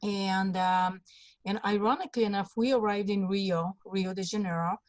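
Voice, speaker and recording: A woman in her sixties, born in Hungary, telling her life story as an interview guest with many pauses and fillers. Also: medium pitch, steady tone, darkish tone, no room sound. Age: 60s. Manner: halting, many fillers and restarts. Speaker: guest, congressional candidate.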